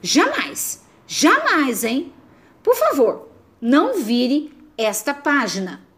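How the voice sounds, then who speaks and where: Brief: woman voicing a melodramatic begging storybook narrator, high and swooping. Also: wildly swooping pitch, takes it slowly, fairly bright tone, exaggerated voice. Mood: pleading. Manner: frantic, melodramatic pleading with wild pitch leaps. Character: desperate pleading storybook voice, male, begging reader.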